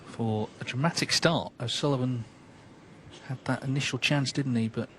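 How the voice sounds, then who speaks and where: A man giving live snooker match commentary in a measured way, often turning remarks into tag questions. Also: mid-range voice. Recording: background noise and arena ambience.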